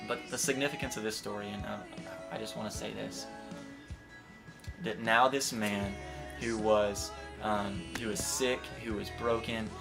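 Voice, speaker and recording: A young man in his twenties preaching an earnest sermon, building to impassioned emphasis and then dropping soft. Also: lowish voice, fairly even intonation, a little slow, creaky. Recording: guitar music playing underneath.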